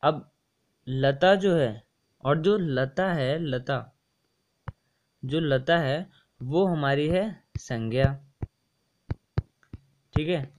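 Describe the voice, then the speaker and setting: A young man walks viewers through exam answers in an easy, chatty way. His voice sits a little high, and he repeats points and checks in often while mixing English terms into his explanations. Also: very slow, pauses often, slight background noise. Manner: chatty and repetitive, mixing English words into Hindi, often saying ठीक है. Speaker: exam coaching tutor. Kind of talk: casual screen-share lesson explaining test answers.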